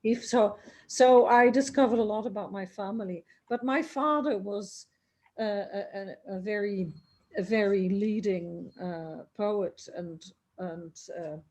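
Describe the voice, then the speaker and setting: A middle-aged Dutch singer and writer tells her family story in a remote interview from her Dublin home by a busy road. Her voice is medium in pitch, dark-toned and a bit slow, and she rambles, restarts often and trails off.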